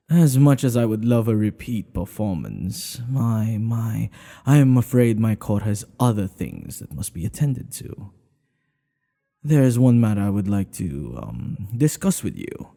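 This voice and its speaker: In an ASMR boyfriend roleplay, a man plays a smitten older king, regal and teasing, using courtly phrasing in a breathy voice that often sinks toward a whisper. His lowish, dark-toned voice is very animated and exaggerated, at a measured pace, with a formal, courtly mood.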